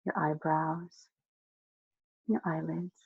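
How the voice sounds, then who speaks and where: Slow soothing hypnosis voice, gravelly and husky, kinda muffled lo-fi sound. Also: medium pitch, flat delivery, no room sound. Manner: slow, soft, soothing instructions with long pauses. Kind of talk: guided relaxation hypnosis script.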